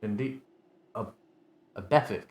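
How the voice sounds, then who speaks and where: A man's voice: on the low side, measured pace, a little mellow, slightly rough. Wary, formal knight in a tabletop game, played by a man, clipped and cautious.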